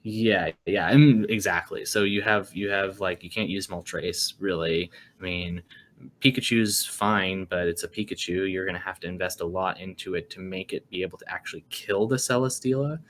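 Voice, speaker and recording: Male co-host, fairly low pitch, casual hedging analysis, slight noise behind him. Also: fairly even intonation, normal speed, fairly bright tone. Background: faint noise, cat meowing at times.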